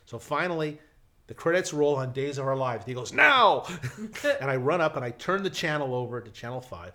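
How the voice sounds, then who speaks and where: A middle-aged man spins a casual anecdote as a television writer, in a medium-pitched voice. He tells it in a lively way, with many restarts and side remarks. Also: quick pace. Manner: lively storyteller, frequent restarts and asides.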